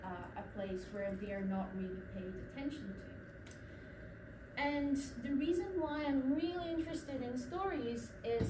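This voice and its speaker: Recorded from a distance in an echoey lecture room with background noise, a young academic woman from Brazil delivers a conference presentation. Her accent is Brazilian with a hint of New Zealand vowels, and her somewhat high voice is full of um pauses and restarts as she tells her story.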